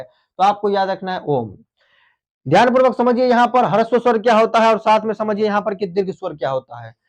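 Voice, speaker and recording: High-voiced man teaching grammar. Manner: repeats key phrases, addresses students as dear friends. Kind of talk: grammar lesson for board exam students.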